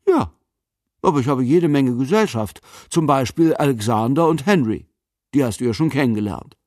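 A man voicing a kindly, whimsical, lonely old man in an audiobook, speaking in a gentle, musing, teasing manner. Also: medium pitch, lively intonation, moderate pace, dry recording, clean studio sound, voice pushed up, close to an everyday voice. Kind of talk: audiobook character voice.

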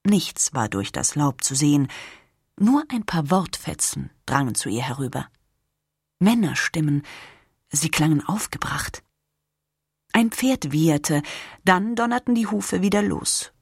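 A woman narrating a historical novel as an audiobook, expressive and dropping to whispers in tense moments. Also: low voice, measured pace, creaky, long pauses, husky, no room sound, studio quality.

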